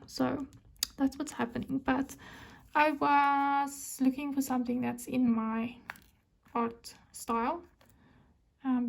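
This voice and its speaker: A South African woman and native Afrikaans speaker, a crafting vlogger, chats casually in a South African accent while working on a craft, often dropping to a whisper to count. Her voice is high and dark-toned, with vocal fry.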